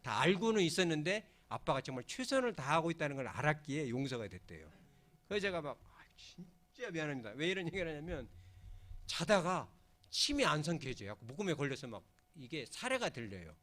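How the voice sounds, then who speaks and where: A middle-aged Korean pastor delivers a sermon in his church, his voice bright and forceful. He swings his pitch widely as he tells folksy stories and acts out quotes. He calls on his congregation to repeat lines after him. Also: sing-song, a little fast. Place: church sanctuary.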